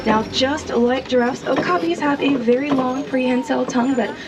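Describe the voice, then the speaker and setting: A woman's voice: steady tone, moderate pace. A woman working as a safari guide, giving rehearsed tour commentary outdoors from a moving truck. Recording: loud crowd and vehicle, outdoor ride. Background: crowd chatter and vehicle rumble.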